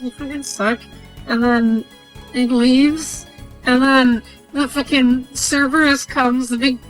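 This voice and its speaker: Young woman, streamer, high voice, rambling, profane, lots of fillers, faint music. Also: fairly even intonation, slow pace, rough recording. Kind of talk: casual game recap.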